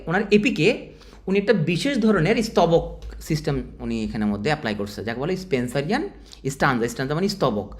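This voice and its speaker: A man with a Bangladeshi Bengali accent giving an informal exam-prep literature lecture, talking straight to his students. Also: fairly high pitch. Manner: animated, informal teacher, addresses students directly. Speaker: teacher.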